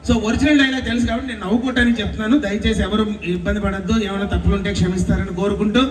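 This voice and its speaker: A high-voiced male mimicry artist patters to a festival crowd, chatty and coaxing. He is heard from a distance through a roomy public address system. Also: steady tone, rapid-fire. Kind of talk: live stage comedy and patter. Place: open-air festival stage. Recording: echoey PA from far off.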